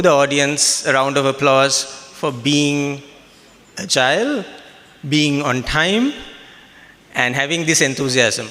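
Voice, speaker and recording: A man's voice: mid-range voice, fairly bright tone. Upbeat male emcee in a reverberant hall. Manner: upbeat, rallying the audience. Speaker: track host. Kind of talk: emcee introduction. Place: conference hall.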